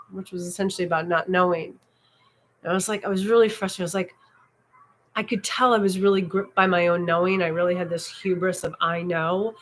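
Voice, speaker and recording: A woman gives a reflective spiritual lesson at a medium pitch, pacing her words slowly and pausing often. She talks the listener through breathing in a calm, contemplative way. A faint bed of ambient noise sits under her voice in the room. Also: poor audio. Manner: unhurried and contemplative, guiding breathing pauses. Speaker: meditation and Taoism teacher. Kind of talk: reflective spoken teaching. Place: indoor room.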